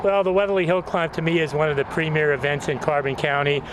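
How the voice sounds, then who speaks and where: A man answers casually in an on-location interview. His voice is a bit higher than average. Clear outdoor traffic noise surrounds him. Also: steady tone, fast. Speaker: interviewee, local official. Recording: noisy outdoor location with vehicles.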